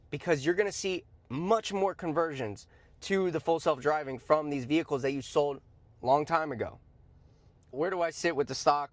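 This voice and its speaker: This man hosts a stock commentary show, his slightly high voice captured with no room sound. He talks conversationally and informally, blunt and emphatic in his opinions, with slang-laced asides and repeated points for emphasis.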